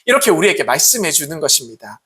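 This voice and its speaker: Earnest preacher with a husky, lively voice. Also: mid-range voice, fast talker. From South Korea. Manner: earnest, pleading, many rhetorical questions. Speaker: Salvation Army officer, pastor. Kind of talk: sermon.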